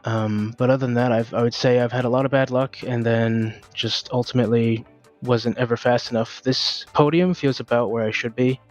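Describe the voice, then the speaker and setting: A racing driver, out of breath, answering post-race interview questions in a candid, hesitant way with many fillers. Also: male voice, mid-range voice, steady tone, normal speed, faint music behind.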